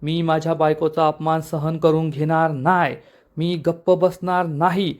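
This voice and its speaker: A man's voice: on the high side, flat delivery, a little slow, natural voice. A man voicing a hot-headed young husband who angrily defends his wife, in a TV serial recap. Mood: protesting. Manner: angry, protesting.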